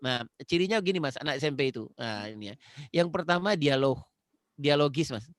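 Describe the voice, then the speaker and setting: A man's voice: medium pitch, expressive, brisk, no room sound, clean studio sound. A man from Indonesia giving a conversational parenting talk on a video call, earnest, repeating phrases and speaking straight to his listener. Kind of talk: conversational lecture.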